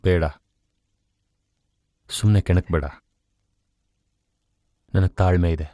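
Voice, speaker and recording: A menacing jealous fiancé. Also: male voice, low-pitched, steady tone, slow, dark tone, a little hiss or hum. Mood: stern. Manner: stern, threatening. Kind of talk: Kannada film dubbing.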